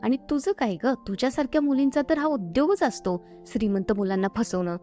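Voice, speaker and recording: A woman voicing a spoiled, bossy young bride-to-be who shouts and taunts, over faint background music. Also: a little high, expressive, brisk, lightly acted. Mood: taunting.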